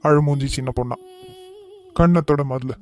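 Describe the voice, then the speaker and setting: A man voicing a gentle young husband in a cartoon, tenderly coaxing his crying wife. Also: on the high side, steady tone, normal speed, natural voice. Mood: comforting.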